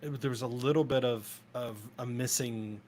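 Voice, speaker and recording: A man's voice: mid-range voice, steady tone, normal speed, a little mellow. A man with a mid-range voice talks casually as co-host of a live show. He explains things step by step and keeps checking in with his listener. Faint background noise runs underneath. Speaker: podcast co-host.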